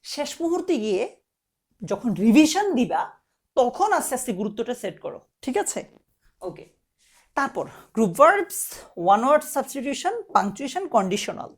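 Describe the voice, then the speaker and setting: A woman's voice: a little high, sing-song, a little fast, long pauses. A young woman tutor, giving a casual exam-prep lecture in a direct, coaxing way and often checking that students follow. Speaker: admission test tutor.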